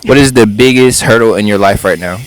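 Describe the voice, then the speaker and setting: Soft-spoken male street interviewer. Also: fairly low pitch, brisk, a little hiss or hum, poor audio. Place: city street outdoors.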